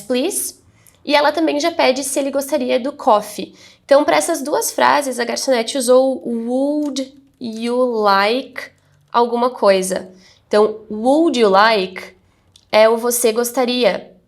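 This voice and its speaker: A woman from Brazil teaching English phrases, saying each English phrase slowly and carefully before explaining it at a quicker pace. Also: on the high side.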